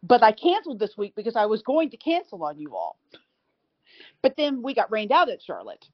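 A woman calls in to a sports show as a guest reporter and chats casually, stammering and laughing at herself in a self-deprecating way. Her voice is a little high, very animated and brisk. The recording is dry, over a dull lo-fi line.

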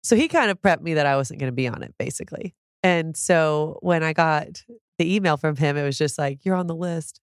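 A woman with a notably low voice talks in an easy, upbeat interview chat, filling her sentences with "like". The sound is close and dry, with no room around it. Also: a little fast, smooth, no echo. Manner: chatty and upbeat, heavy use of "like". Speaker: cookbook author, guest.

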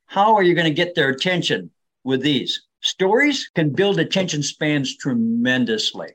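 A man's voice: a little high, lively intonation, normal speed, a bit bright. An older man speaking as an interview guest, explaining things in an earnest, persuasive way. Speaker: interview guest, reading advocate.

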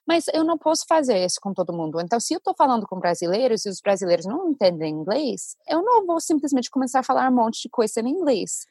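A woman's voice: on the high side, husky, dry recording, clean studio sound. A Brazilian woman, an English teacher and content creator, talking animatedly in a casual chat, with lots of fillers. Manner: animated, talks fast with many fillers.

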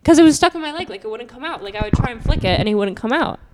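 Teen girl rambling a story fast with lots of likes, kinda high voice. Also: animated. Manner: fast, giggly, heavy on "like". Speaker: podcast co-host. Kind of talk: casual storytelling chat.

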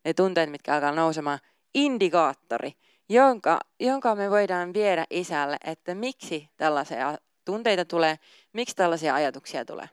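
A woman's voice: lowish voice, lively intonation, smooth, no echo, clean studio sound. A woman pastor giving a sermon, reading scripture aloud and then talking casually and informally.

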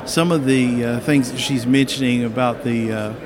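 A male podcast host interviews guests live on a busy convention floor. His mid-range voice moves haltingly through introductions and questions, with the clear bustle of a crowd all around him. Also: mid-range voice, fairly even intonation. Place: busy convention expo hall. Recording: busy expo hall crowd behind. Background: crowd and hall bustle.

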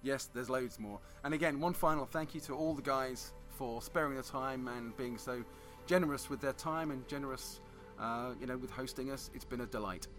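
A man's voice: medium pitch, moderate pace, few pauses, fairly bright tone, faint music behind. A man co-hosting a casual podcast who sums up the discussion in a reflective, appreciative way. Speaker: podcast co-host.

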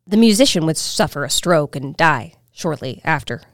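A woman's voice: deep voice, animated, normal speed, no room sound, studio quality. A woman hosting a history podcast, reading scripted narration in a dramatic storytelling manner. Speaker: podcast host.

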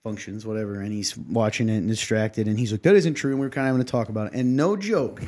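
A man's voice: lowish voice, quick pace, a little mellow. A young man co-hosting a podcast in casual chat, teasing and often laughing. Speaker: podcast co-host.

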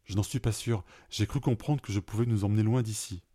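A man's voice: fairly low pitch, a little fast, mellow, natural voice. A man reading a story aloud, voicing a timid, unsure young adventurer. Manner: unsure, embarrassed.

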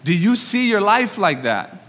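A man preaching earnestly and excitedly to a congregation, often repeating and rephrasing himself. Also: sits high, a little slow. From New York. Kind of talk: sermon to a congregation. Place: large room, speaking to an audience. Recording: reverberant hall sound.

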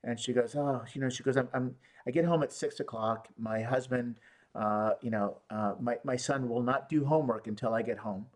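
A man's voice: medium pitch, fairly even intonation, a little mellow. A man who runs a law firm, telling stories in an interview, with lots of restarts and fillers. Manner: halting, many restarts and fillers. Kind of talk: conversational storytelling. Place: San Luis Obispo area.

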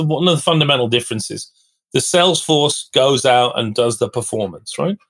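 A middle-aged man with a husky, breathy voice sitting a little high for a man. He talks bluntly and profanely, full of conviction, as a guest on a podcast interview. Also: a bit bright. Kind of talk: candid interview talk.

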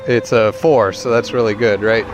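A man's voice: on the low side, steady tone, moderate pace. A man playing a tabletop game, laid-back and joking, swearing casually as he says what his character does. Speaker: player. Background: background music.

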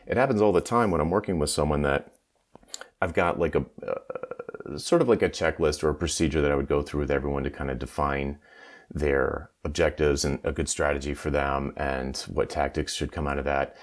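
A man with a very low voice talks as a podcast host in a loose, conversational way. He slips into quoted remarks as he explains. The sound is tinny, like a tin can phone, from a poor microphone. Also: fairly even intonation, a little fast. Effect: tinny tin-can sound from wrong microphone. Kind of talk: casual conversational podcast talk.

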